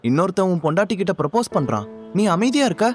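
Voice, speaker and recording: A man's voice: high-pitched, very animated, quick pace, soft background music. A man voicing a hurt, defiant young wife in an audio story, speaking in a pleading, indignant way. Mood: earnest.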